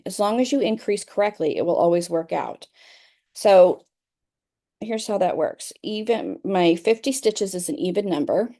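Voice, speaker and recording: A middle-aged woman walks through a crochet pattern, chatty and patient. She keeps checking in with "okay?" and repeats herself to be clear. Her voice is mellow and warm, at a middle pitch for a woman. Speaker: crochet instructor. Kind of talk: casual tutorial explanation.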